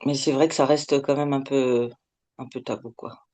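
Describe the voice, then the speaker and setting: A middle-aged woman giving candid, hesitant interview answers, her voice digitally shifted deeper to keep her anonymous. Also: steady tone, moderate pace, mellow. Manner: hesitant, with frequent trailing filler words.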